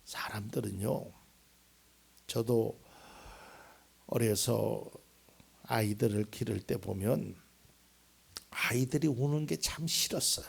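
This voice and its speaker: A male pastor preaching a Sunday sermon, swinging between loud emphatic lines and soft, almost whispered ones. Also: fairly low pitch, takes it slowly, creaky, long pauses, breathy edge. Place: church sanctuary.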